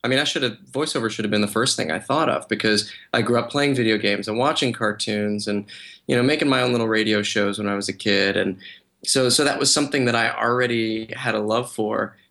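A man, a guest voice actor, chatting in a podcast interview in a relaxed, hesitant way with many fillers. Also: on the low side, brisk, creaky. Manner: relaxed, hesitant, lots of "you know" and "uh".

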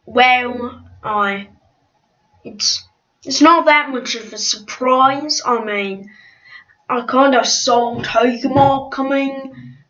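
A woman's voice: a little high, distant mic. A woman voicing a contestant who puts on a British accent and stammers through her answer. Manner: halting, stammering. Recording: dull lo-fi recording.

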